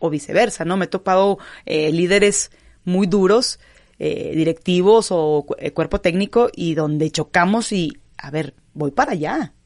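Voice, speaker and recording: A young adult woman from Mexico with a Mexican accent, a professional footballer answering interview questions in an expressive, animated way. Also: on the low side, no echo, clean studio sound. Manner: expressive, animated storytelling with quick asides.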